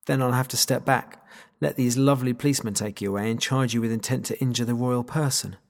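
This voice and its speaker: A man voicing a smug, gravelly agent. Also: medium pitch, steady tone, fast, natural voice. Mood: calm, smug. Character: cool, smug male agent who cancels powers.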